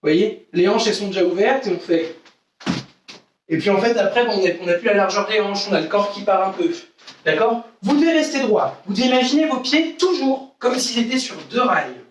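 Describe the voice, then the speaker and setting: A man's voice: sits high, lively intonation, a little fast, far from the mic, slight background noise. A man teaching a live online karate class, explaining technique and calling out counts and commands to his students. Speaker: karate instructor. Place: room at home with window. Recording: very echoey room, away from the mic.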